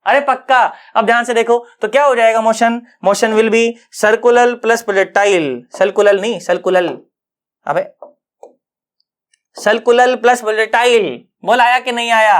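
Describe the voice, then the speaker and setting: A male physics tutor teaching an online class in an easy, colloquial way. He is lively and coaxing, cracks jokes, and slips English terms into his explanations. He keeps checking in with students to make sure they have understood. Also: very high voice, moderate pace, few pauses, smooth.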